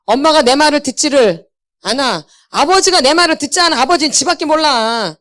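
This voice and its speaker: Woman, middle-aged, high voice, church healing lecture, emphatic, asks the audience questions. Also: lively intonation, a little fast, a bit bright. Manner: emphatic, questions the audience, switches to blunt casual speech. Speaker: inner healing ministry lecturer. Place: church meeting hall.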